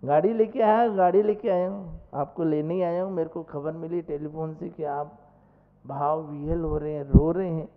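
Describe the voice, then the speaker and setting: A man acting out a calm grown son explaining matters to his father, in a sermon story. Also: a little high, moderate pace, lightly acted. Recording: echoey hall, dull lo-fi sound.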